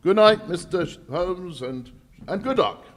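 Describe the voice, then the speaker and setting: A man's voice: sits high, animated, unhurried, a little hiss or hum. A man acting a nervous, deferential English lord and bank governor in a 1940s-style radio drama, hesitant and polite.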